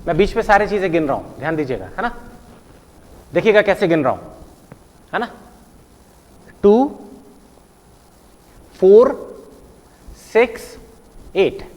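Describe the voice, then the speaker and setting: A man teaching a math lesson, playful and animated, counting aloud and checking in with his listeners. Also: a little high, a little fast, long pauses, long reverb tail.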